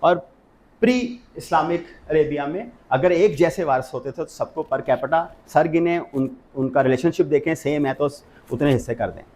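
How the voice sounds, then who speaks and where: A middle-aged man with a Pakistani Urdu accent teaches a law class. His voice sits a little high for a man, and he walks through each point step by step, dropping English legal terms into his Urdu. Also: normal speed, darkish tone, a little hiss or hum. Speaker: law lecturer.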